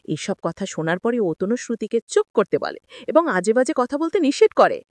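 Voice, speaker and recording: A woman with a fairly high voice and big swings in pitch reads a scripted episode recap of a TV drama at a moderate pace, going scene by scene and acting out lines of dialogue. There is no room sound.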